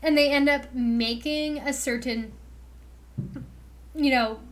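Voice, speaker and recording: A woman's voice: high voice, fairly even intonation, takes it slowly. A woman giving a casual lecture on a livestream, chatty and loose, full of "like" and "you know". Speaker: streamer explaining memetics.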